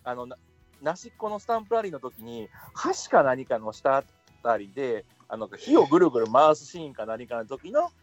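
A man's voice: mid-range voice, very animated, a little fast, lo-fi sound, soft background music. A man, explaining things at length in a casual chat. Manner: explaining at length, thinking aloud. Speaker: podcast co-host.

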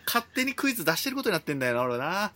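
A man, co-hosting a casual chat, lively and joking. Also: high-pitched, rapid-fire. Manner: lively, joking, laughs often. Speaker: podcast co-host.

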